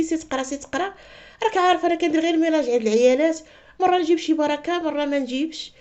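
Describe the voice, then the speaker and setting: A woman's voice: high-pitched, mellow, pitched above the performer's own voice. Woman voicing a weary humble Moroccan widow. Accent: Moroccan Arabic.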